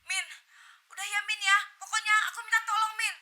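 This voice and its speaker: A frightened young wife in a televised crime reenactment. Her very high voice pleads anxiously for help. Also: flat delivery, fairly quick, noisy background. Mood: frightened pleading.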